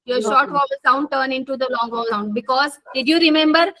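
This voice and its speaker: A woman's voice: sits high, extremely slow, bright, forceful tone. A woman teaching phonics rules in an online lesson, repeating each rule patiently and mixing Hindi with English.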